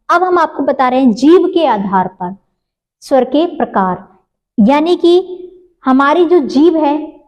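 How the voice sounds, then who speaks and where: A woman with a high voice teaches a grammar lesson in a patient classroom way. She asks the class questions and answers them herself, goes over each point again slowly and draws out the sounds she is demonstrating. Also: a little mellow, poor audio.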